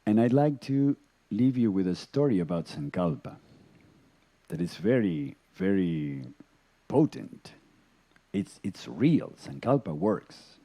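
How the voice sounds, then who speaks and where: A man teaching a yoga lecture to a live audience, telling stories in a deliberate, gentle way with chuckles. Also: lowish voice. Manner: animated storytelling, chuckles.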